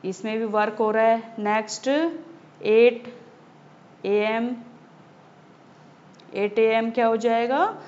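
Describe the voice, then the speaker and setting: Slow patient woman teacher. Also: on the high side, fairly even intonation, a little mellow. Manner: slow, patient, repeats key points for children. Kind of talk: textbook lesson explanation. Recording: slightly dull lo-fi audio with faint noise.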